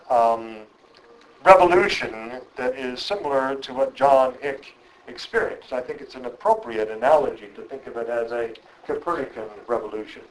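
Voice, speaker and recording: Speaking in a mid-range, slightly mellow voice, a middle-aged man gives a contemplative public lecture at a measured pace, often hesitating on "um" and "uh." The recording quality is poor.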